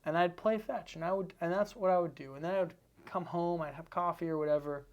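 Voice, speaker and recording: A man's voice: on the high side, fairly even intonation, fast. A man from Seattle, a podcast guest, talking earnestly in a casual interview with repetitive, emphatic phrasing. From Seattle, United States.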